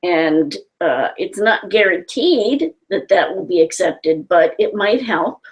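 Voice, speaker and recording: A woman's voice: lowish voice, animated, takes it slowly, muffled recording. Earnest woman explaining step by step. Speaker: host. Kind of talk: explanatory talk. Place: home.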